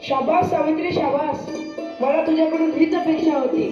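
A performer playing a reform-minded husband in a school stage play, scolding and lecturing but supportive. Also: female voice, high voice, fairly even intonation, moderate pace, over loud music, close to an everyday voice. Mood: firm. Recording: echoey hall, dull sound.

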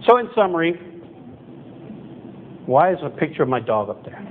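A middle-aged man delivers a sermon to his chapel in a loose, conversational manner, stopping to correct himself and acting out quoted voices. His voice sits a little high. The recording is thin and phone-like, with a faint hiss underneath. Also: sing-song, moderate pace. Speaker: pastor. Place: church chapel hall with projector screen, indoors. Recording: tinny phone-like sound with faint noise.

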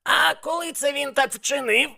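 A man voicing an excitable, nervous male devil in an audiobook, with a shrill, raised voice. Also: normal speed, gravelly, full character voice. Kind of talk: audiobook character voice.

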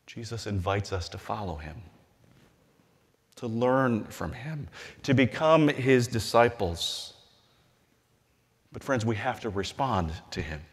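A middle-aged man preaching from a lectern with a somewhat low voice. He speaks in a measured, earnest way and eases down gently on quoted scripture. His words ring out with a long hall reverb. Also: animated. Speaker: bishop. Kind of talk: sermon-style convention address. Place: large hall, at a lectern on a stage.

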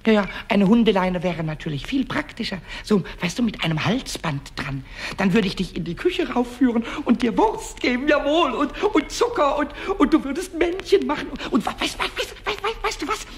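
A man's voice: extremely high pitch, expressive, normal speed, echoey room, big-room sound, slight background noise. An actor voicing a mischievous, childlike little male kobold in a vintage radio play, stammering, giggling, and jumping between whispers and squeals. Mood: coaxing.

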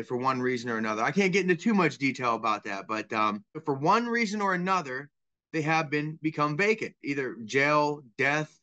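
A man in his thirties with a slightly high, pushed, bright voice appears as a guest on a video call interview. He works cleaning out properties and tells his story candidly and self-deprecatingly from a small indoor room with a bookshelf.

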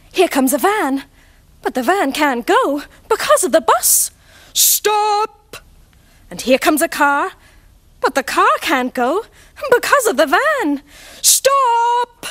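A woman playing a friendly grown-up who reads a picture book aloud to children in a sing-song, expressive way. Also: extremely high pitch, heavily acted. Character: friendly grown-up carer named Judy. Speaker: storyteller to children. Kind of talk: children's TV acting, reading aloud.

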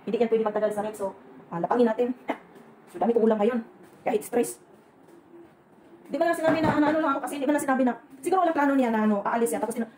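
Fast-talking Filipina vlogger in an echoey kitchen. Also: female voice, fairly high pitch, darkish tone. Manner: rambling, venting, quick chatty talk with laughs. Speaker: overseas domestic worker vlogger. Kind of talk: casual vlog chat while cooking. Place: kitchen indoors. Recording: echoey room, faint background noise.

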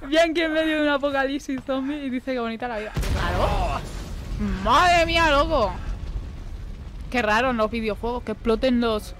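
A woman's voice: high-pitched, moderate pace, a bit bright, slight background noise. A young woman with a Spanish accent from Spain commentating live on a horror game she plays, swearing often and talking to the characters on screen. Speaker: gaming streamer.

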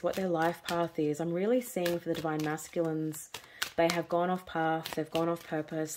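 A woman giving a spiritual tarot reading, talking in slow, soothing, repetitive phrases. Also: deep voice, a little mellow. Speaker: tarot reader.

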